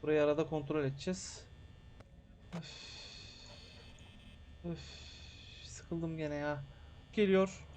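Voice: mid-range voice, steady tone, slow pace, long pauses, noisy background. A streamer doing live horror gameplay commentary, grumbling and cursing constantly and shrieking at jumpscares. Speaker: game streamer.

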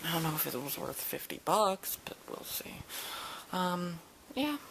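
A man's voice: sits high, very animated, measured pace, vocal fry, background noise. A young man filming a casual vlog outdoors at a woodland retreat camp, giving a joking, teasing tour with a handheld camera. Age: young adult. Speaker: vlogger.

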